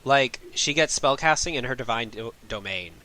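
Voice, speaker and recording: A man's voice: medium pitch, expressive, moderate pace, sharp tone. A man narrating as game master of a tabletop game, casual, often laughing and correcting himself mid-sentence.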